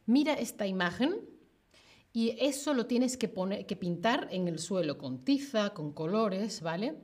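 A young woman teaching Spanish on a livestream, speaking slowly and clearly and playfully acting out examples. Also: medium pitch, lively intonation, a little mellow. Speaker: Spanish teacher streaming live. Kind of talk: livestream language lesson.

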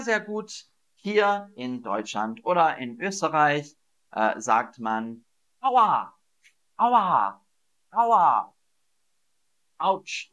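A man teaching German in a livestream, repeating questions slowly and playfully acting out sound words for his viewers. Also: mid-range voice, fairly bright tone, dull audio. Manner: slow, drawn-out teaching delivery with repeated questions. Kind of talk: livestreamed language lesson. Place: Berlin.

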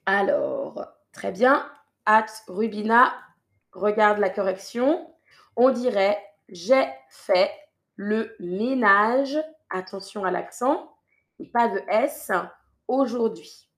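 A woman's voice: medium pitch, expressive, takes it slowly, creaky. A woman teaching French on a live stream, reading viewers' sentences and patiently correcting them, often repeating her instructions.

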